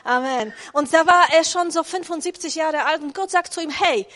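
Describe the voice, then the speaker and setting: High-voiced woman preaching conversationally. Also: steady tone, fairly quick, a bit bright. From not born in Germany. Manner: conversational, asks the audience "ja?" often; frequent restarts and fillers. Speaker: guest preacher. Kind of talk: sermon.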